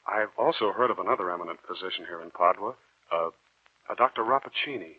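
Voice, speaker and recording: An actor in 1940s radio style plays an earnest, romantic young male medical student, smitten and uneasy, delivering dramatic first-person narration in a courteous, measured way. His voice is low-pitched and husky, the mood polite and earnest. The recording is muffled, with music, typical of 1940s radio.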